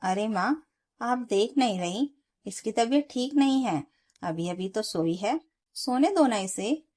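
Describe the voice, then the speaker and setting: A woman's voice: on the high side, expressive, measured pace, dark tone, pitched above the performer's own voice. A woman voicing a worried, protective young husband who pleads with concern in a storybook tale.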